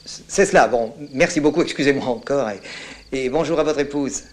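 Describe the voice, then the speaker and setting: Actor playing a composed, polite officer; even, mid-range voice. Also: male voice, mid-range voice, lightly acted. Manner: calm, courteous, measured. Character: calm polite male army captain. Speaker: army captain. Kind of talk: film drama acting.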